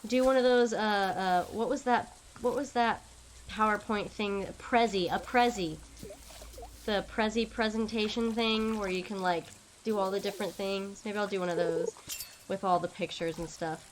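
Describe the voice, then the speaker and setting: A young woman chatting casually on a gaming stream, excitable and rambling with lots of fillers. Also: medium pitch, moderate pace, a little hiss or hum.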